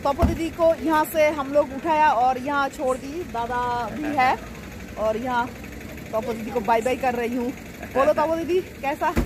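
Narrating a road trip in easy, chatty fashion, a fairly high-voiced travel vlogger from West Bengal ticks off places and expenses as she films herself on a phone held at arm's length, in the car and by the roadside. She speaks a little slowly over a noisy background.

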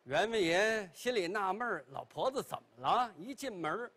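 Male storyteller, high voice, lively pitch, slow, chatty asides. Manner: leisurely, chatty asides, wide expressive pitch. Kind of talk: traditional pingshu storytelling. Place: television studio stage.

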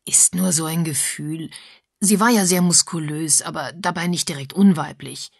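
A woman's voice: deep voice, normal speed, gravelly, breathy edge, no room sound, clean studio sound, heavily acted. A woman reading a musing, sly older lady. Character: older woman, thoughtful, slyly sharp.

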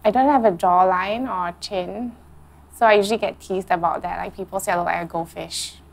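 A woman's voice: mid-range voice, a little fast, creaky. A young woman answering interview questions candidly and conversationally. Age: young adult. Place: studio set with photo wall.

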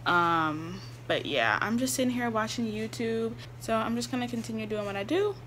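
A woman's voice: fairly high pitch, animated, moderate pace, a bit bright, a little hiss or hum. A young woman in a casual, rambling vlog, chatting to her viewers with easy laughs. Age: young adult. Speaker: vlogger. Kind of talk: casual chat.

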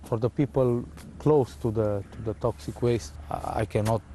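A man's voice: mid-range voice, normal speed, dark tone, slight background noise. A man in his thirties, Romanian his first language, answering interview questions hesitantly in English outdoors. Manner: hesitant, repeats words.

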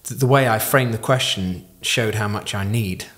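A man's voice: lowish voice, moderate pace, a bit bright. A man in his thirties hosting a podcast in thoughtful conversation at a desk microphone. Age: 30s. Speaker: podcast host. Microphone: podcast microphone on desk stand.

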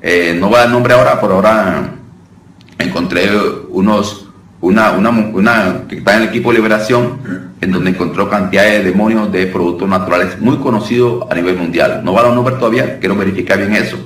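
A man's voice: lowish voice, a little fast, a bit bright. A man giving an informal preaching lesson on deliverance, talking conversationally, often calling his listeners brother and restarting his phrases. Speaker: deliverance minister teaching. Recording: roomy sound from a distant mic with faint noise.

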